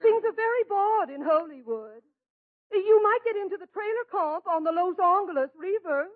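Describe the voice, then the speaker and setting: Very high-pitched, gushing comic lady. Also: expressive, normal speed. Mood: gushing, airy. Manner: effusive, theatrical. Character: gushing, airy, self-pleased comic lady. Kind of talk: old-time radio comedy acting. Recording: tinny band-limited old radio recording.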